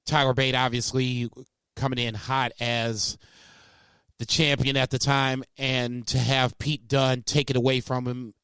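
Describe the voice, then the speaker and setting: A man's voice: mid-range voice, level tone, a little slow, a bit bright, clean tone, no echo. A man co-hosting a podcast, giving rambling, laid-back opinions in casual chat. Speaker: podcast co-host.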